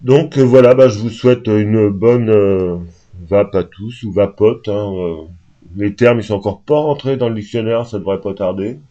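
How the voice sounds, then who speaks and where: A fairly low-voiced man rambles to camera, unscripted and hesitant, filling pauses as he goes. He sounds only just awake, with a dark, mellow tone. The home recording is dull and lo-fi. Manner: rambling, hesitant, many fillers. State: just woken up. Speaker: vlogger. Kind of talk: unscripted casual talk to camera.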